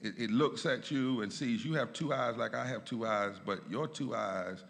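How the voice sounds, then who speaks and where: A man, a pastor, giving a lecture in a church, emphatic and rising in pitch on key points. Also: normal speed, gravelly, a bit bright. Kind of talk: lecture with a preaching cadence. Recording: long church reverb.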